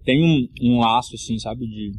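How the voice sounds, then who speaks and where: Man telling a lively story, laughing often. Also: mid-range voice, normal speed, dry recording. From Mato Grosso, Brazil. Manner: animated anecdotes, laughs often, loose slang. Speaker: podcast guest, actor and comedian. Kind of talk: casual storytelling chat.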